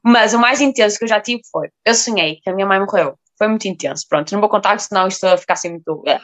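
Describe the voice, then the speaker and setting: A woman's voice: mid-range voice, highs cut off. A young woman with a European Portuguese accent, telling a dream story in casual group chat. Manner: animated, quick storyteller.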